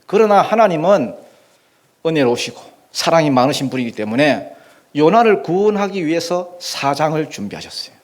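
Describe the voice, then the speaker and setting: Male pastor preaching, lively swooping intonation, rhetorical questions to the pews, brief. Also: a little high, moderate pace. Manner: animated, rhetorical questions to the congregation. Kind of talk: sermon. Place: church.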